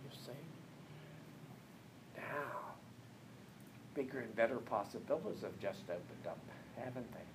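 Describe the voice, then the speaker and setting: Slow, emphatic male spiritual teacher. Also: mid-range voice, lively intonation, background noise. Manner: slow, emphatic, repeats phrases, often drops to a whisper. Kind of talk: inspirational sermon.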